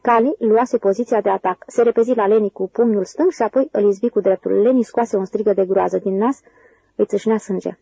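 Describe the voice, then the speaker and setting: Woman narrator, audiobook, even measured reading, mellow tone, dry studio sound. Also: medium pitch, gravelly, husky, dry recording, poor audio. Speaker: audiobook reader. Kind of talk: scripted narration of a novel.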